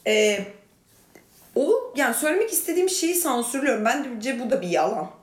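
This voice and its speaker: A woman's voice: high-pitched, animated, brisk, echoey room. A woman co-hosting a podcast in casual, playful chat, often breaking into laughter. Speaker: podcast co-host.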